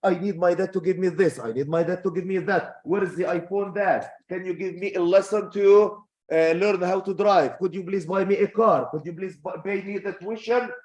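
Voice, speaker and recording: A man's voice: high-pitched, fairly even intonation, moderate pace, hardly any pauses, darkish tone, roomy sound, pitched above the performer's own voice, natural voice, rough recording. A man mimicking a spoiled, whiny kid. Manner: whiny, demanding. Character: spoiled demanding young person asking a father for things.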